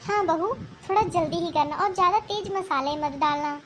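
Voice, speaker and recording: A woman voicing an older, sharp-tongued but fair mother-in-law in a cartoon, scolding and lecturing. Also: very high-pitched, normal speed, a little hiss or hum. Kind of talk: cartoon voice acting.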